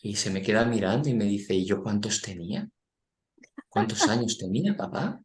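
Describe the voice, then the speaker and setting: Low-voiced man in an echoey room. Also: lively intonation, moderate pace. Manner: recounts dialogue, frequent tag questions. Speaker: guest. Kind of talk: storytelling anecdote.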